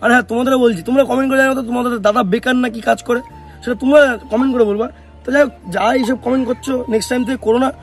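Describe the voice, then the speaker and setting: A man's voice: extremely high pitch, steady tone, very fast, vocal fry, faint music behind. A young man from West Bengal, a vlogger talking casually to the camera, answering comments in a defensive way with many rhetorical questions. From West Bengal, India. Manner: defensive, rhetorical questions, calls viewers bhai.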